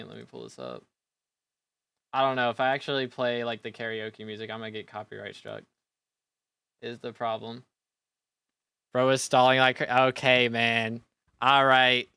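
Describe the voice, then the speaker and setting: A man hosts a casual gaming livestream, chatting and joking with his viewers in a loose, rambling way. His voice is smooth and clear, set at an ordinary middle pitch. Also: sharp tone, dry recording. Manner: playful, rambling, jokes with chat. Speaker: gaming streamer.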